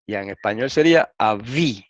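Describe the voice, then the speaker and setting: Man teaching, reading texts slowly aloud. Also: lowish voice, lively intonation, no echo. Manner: reads slowly through transliterations, asks frequent rhetorical questions. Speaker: Bible teacher. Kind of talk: lecture explaining Hebrew and Greek texts. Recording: dull, slightly lo-fi and dry.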